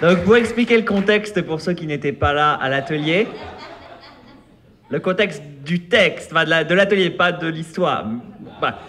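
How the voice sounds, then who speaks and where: A man's voice: a little high, moderate pace. A man hosting a reading workshop, explaining the exercise casually and hesitantly. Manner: hesitant, many fillers, relaxed. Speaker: workshop leader and host.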